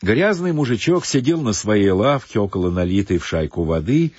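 A man reading a classic story aloud as an audiobook, very animated and voicing every figure. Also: fairly low pitch, normal speed, husky, dry recording. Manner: very animated, acting out all voices. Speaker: audiobook reader. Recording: dull dry lo-fi recording.

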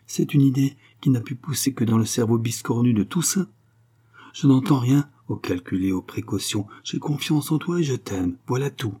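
An impassioned young woman pleads her love in a storybook reading, as a man puts on a raised, husky voice. The tone is mellow and dark underneath the lifted pitch. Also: moderate pace, close to an everyday voice. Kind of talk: audiobook character reading.

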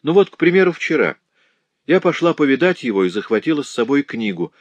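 A man's voice: medium pitch, very animated, brisk, no room sound, muffled recording, pitched above the performer's own voice. A man voicing a cheerful, tender-hearted young working woman in an audiobook, chattering eagerly and emotionally. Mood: heartfelt. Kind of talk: audiobook character voice.

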